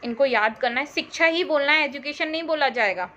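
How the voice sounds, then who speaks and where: A woman's voice: high voice, brisk, sharp tone. A woman teaching an exam-prep history lesson, who repeats key terms and quizzes her listeners with questions. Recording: slightly dull audio with faint noise.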